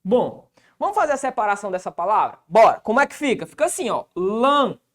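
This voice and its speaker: A man's voice: high-pitched, very animated, quick pace. A man with a Brazilian accent teaching an exam-prep grammar lesson, colloquial and answering his own rhetorical questions. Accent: Brazilian Portuguese.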